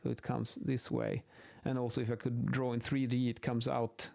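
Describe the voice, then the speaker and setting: Creaky and a little mellow, this man's mid-range voice has little pitch movement and a normal speed. As an acoustics instructor, he improvises a relaxed explanation of measurement methods while drawing, correcting himself as ideas come.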